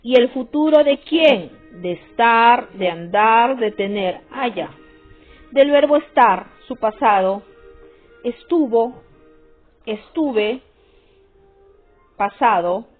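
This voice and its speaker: Woman, grammar lesson, slow-paced, keeps asking "right?", phone-like sound. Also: a little high, expressive. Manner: repetitive, checks with frequent "¿sí?" and "¿no?". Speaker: teacher. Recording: tinny phone-like sound with faint music.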